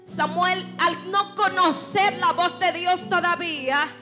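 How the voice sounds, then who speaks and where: A woman's voice: very high-pitched, fairly even intonation, takes it slowly. A woman preacher delivering a fervent Pentecostal sermon in church, often calling out "aleluya". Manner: fervent, sprinkles "aleluya", builds to shouting. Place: church sanctuary. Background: church music.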